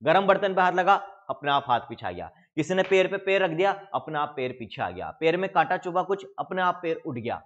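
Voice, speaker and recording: A man's voice: fairly high pitch, very animated, a little fast, few pauses, a bit bright. An Indian man teaching biology online, with lots of rise and fall in his voice as he walks through each idea step by step. He keeps asking the class questions and answering them himself. The sound is dull and lo-fi. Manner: mixes English terms into Hindi speech, calls students kids. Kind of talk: online exam-prep lecture.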